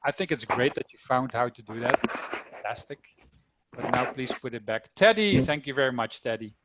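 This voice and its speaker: Chatting brightly and directly with children, a man from the Netherlands teaches coding online via video call in a Dutch accent. He speaks in a mid-range voice at normal speed, while heavy background noise and cut-off highs mar the audio.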